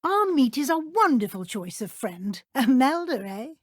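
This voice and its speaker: Professor Matilda Weasley, high-voiced formal schoolmistress. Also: female voice, very animated, no echo, studio quality. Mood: brisk, kindly. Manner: formal, measured, crisp schoolteacher diction. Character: stern but caring woman professor at a wizard school. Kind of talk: scripted video game character dialogue.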